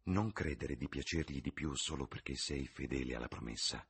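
A wistful, earnest painter who pleads in a soft, subdued voice, as a male reader puts him on in a storybook reading. The tone is very deep and husky, quieter than the other figures. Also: normal speed, full character voice.

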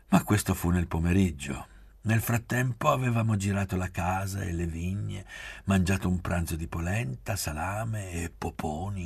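A man narrating a literary novel as an audiobook reader, measured and soft-spoken, at times dropping almost to a whisper. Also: low voice, creaky, breathy edge, no room sound.

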